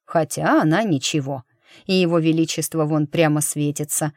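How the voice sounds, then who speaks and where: Woman doing a gruff young mage guy, matter of fact and grumbly, low pitch, dry mic. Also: steady tone, moderate pace, darkish tone, no echo, lightly acted. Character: gruff blunt young male battle mage. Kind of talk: audiobook character reading.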